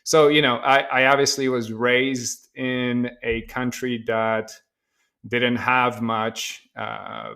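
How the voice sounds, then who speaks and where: A middle-aged man from Poland, a company founder answering interview questions in a relaxed, hesitant way with many fillers. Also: medium pitch, takes it slowly, creaky. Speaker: guest, tech company founder. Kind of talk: casual interview conversation.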